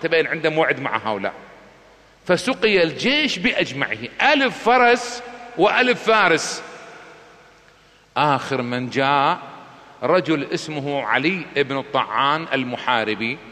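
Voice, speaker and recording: A man preaching a sermon, telling a story with passion and chanting poetry loudly and slowly. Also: a little high, big pitch swings. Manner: impassioned storytelling, recites poetry in a loud slow chant. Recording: long hall reverb.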